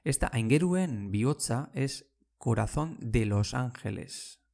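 A Basque language teacher gives a casual lesson in a mid-range, slightly mellow, creaky voice with lively intonation. He explains words slowly and patiently, repeats them, and keeps checking in with listeners by asking "¿vale?"

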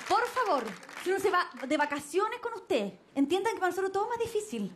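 A young Chilean woman delivers a brash, slangy stand-up set, her voice sitting very high and jumping around for quoted voices. She is recorded live on a noisy stage. A crowd laughs along behind her. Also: big pitch swings, fast talker. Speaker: stand-up comedian. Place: stage before a live audience.

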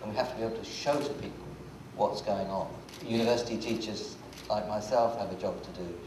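A man's voice: lowish voice, fairly quick. A university teacher, a man, ends a presentation with emphatic statements. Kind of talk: presentation closing. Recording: echoey hall, distant mic, noise.

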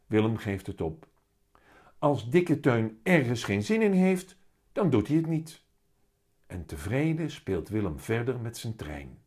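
A man reading a children's story aloud in a slow, lively storyteller's manner. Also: medium pitch, breathy edge. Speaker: children's book reader.

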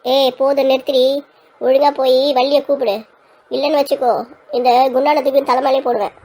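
Shrill, rapid-fire old grandmother with a scolding, threatening manner, played by a woman. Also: level tone, a little mellow. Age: older. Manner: scolding, threatening, then tearful. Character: feisty quarrelsome old grandmother. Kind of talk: comic village skit acting.

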